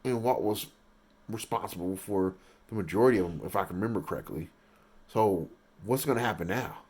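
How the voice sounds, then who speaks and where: A man giving casual, rambling commentary on a TV episode, halting and restarting his sentences and getting excited at big moments. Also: lowish voice, husky. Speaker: reaction video host.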